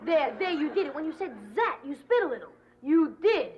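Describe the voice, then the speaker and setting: An actress playing a snide young woman who teases an investigator in a deadpan, mocking way. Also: high-pitched, a little fast, dull audio. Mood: teasing. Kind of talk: 1970s sitcom acting.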